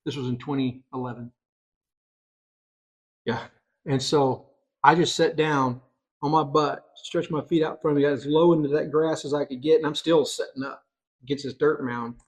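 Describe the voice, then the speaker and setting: A middle-aged man hosting a podcast, telling a hunting story in casual chat, excitable and animated. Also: mid-range voice. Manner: excitable, animated storyteller, voices others in quotes. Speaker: podcast host.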